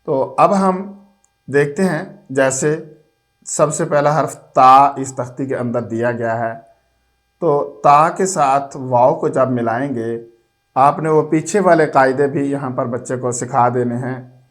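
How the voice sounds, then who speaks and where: A man teaching a recorded lesson on reading letters, spelling out each syllable slowly and drawing it out. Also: mid-range voice.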